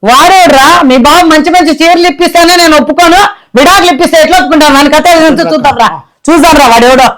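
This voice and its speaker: Woman playing a fiery wife, scolds fast nonstop, super high voice. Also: natural voice. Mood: scolding. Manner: rapid scolding tirade.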